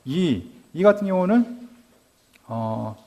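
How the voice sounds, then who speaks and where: A man teaching a Bible school class, asking his listeners rhetorical questions and acting out lively quoted dialogue. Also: on the high side, slow. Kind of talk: lecture to a class.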